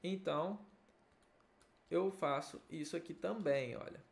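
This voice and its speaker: Young male English teacher with a Brazilian accent, slightly high and unhurried, recorded at a home computer mic. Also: gravelly, breathy edge. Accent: Brazilian Portuguese. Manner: slow, patient explaining with frequent check-ins. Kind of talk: recorded video lesson.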